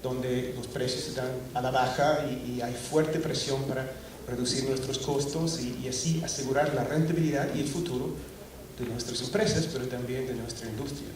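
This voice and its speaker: Speaking to a crowded large auditorium, a Scotsman in middle age delivers a technical conference talk at a moderate pace in a steady tone. He's hesitant, full of fillers and false starts. His mid-pitched voice reaches a distant recorder through strong hall echo, over a faint noise hum.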